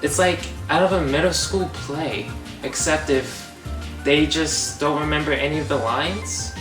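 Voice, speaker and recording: Hosting a comedic film review, a young man speaks a little slowly in a sarcastic, exasperated, middling-pitched voice. Clear guitar music plays under him, and he sounds distant and echoey.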